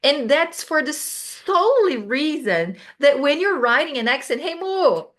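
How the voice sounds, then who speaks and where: A woman's voice: high-pitched, big pitch swings, unhurried, fairly bright tone. A woman from Brazil with a Brazilian Portuguese accent, a native Portuguese speaker, giving a chatty, casual English lesson with frequent restarts and asides. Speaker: English teacher.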